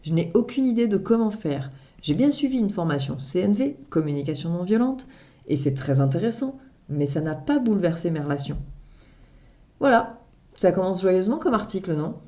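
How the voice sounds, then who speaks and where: A woman's voice: on the low side, dark tone. A woman reading her own blog article aloud as humorous personal narration, with wry, self-mocking asides.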